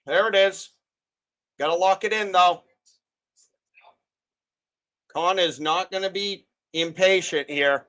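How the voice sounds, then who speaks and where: Excitable man hosting a fight stream. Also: sits high, slow, long pauses. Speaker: livestream host. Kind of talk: live fight betting commentary.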